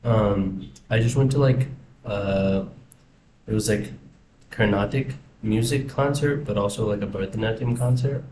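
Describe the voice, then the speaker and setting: Speaking with a lowish, warm voice and no hurry, a young vlogger from the United States reflects casually in a rambling video diary. He's indoors in a house, and the recording picks up a roomy echo and some faint background noise.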